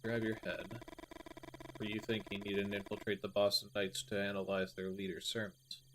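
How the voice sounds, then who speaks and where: A man's voice: on the low side, completely flat delivery, moderate pace. A man playing a game and reading its text aloud in a tired mumble, with a noise gate chopping off the ends of his words as he leans back from the mic. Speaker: let's play gamer. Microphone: desk mic with a noise gate.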